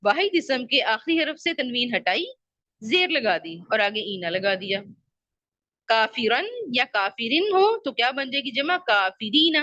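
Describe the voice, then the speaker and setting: A woman's voice: a little high, lively intonation, sharp tone, dry recording, dull audio. A woman teaching an Arabic grammar lesson. She patiently repeats her questions and checks that her students understand.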